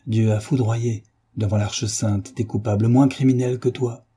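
A man's voice: lowish voice, steady tone, measured pace, dark tone, husky. A man reading the part of a severe village priest who speaks with grave command. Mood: stern. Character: stern, severe male village priest hearing confession.

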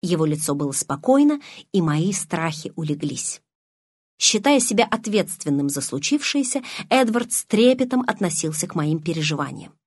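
A woman narrating a first-person audiobook in an expressive, emotional reading. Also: lowish voice, normal speed, slightly rough, dry recording, studio quality.

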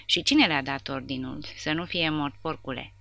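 A woman's voice: low voice, creaky, exaggerated voice. Woman reading a sneering brutal soldier. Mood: menacing. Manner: harsh, sneering, shouting threats. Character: brutal mocking male soldier interrogator.

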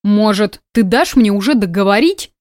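A woman's voice: mid-range voice, expressive, moderate pace, darkish tone, dry recording, lightly acted. Brief: female reader doing a tense, bitter young man pleading his case, audiobook, dry close sound. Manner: tense, earnest, controlled then bitter. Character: young man, frustrated boss, earnest. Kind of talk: audiobook dialogue.

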